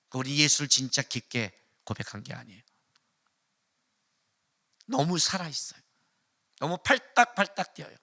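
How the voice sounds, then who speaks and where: A male pastor preaching a sermon, firing rhetorical questions at the congregation and swinging between loud, emphatic outbursts and hushed asides. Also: a little high.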